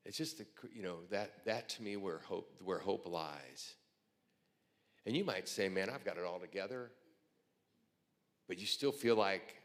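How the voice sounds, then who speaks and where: A man who is a pastor, telling earnest, emotional stories to a room at a breakfast event. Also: sits low. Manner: earnest storyteller, quiet and emotional at times. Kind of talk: heartfelt speech at a breakfast event. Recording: long hall reverb.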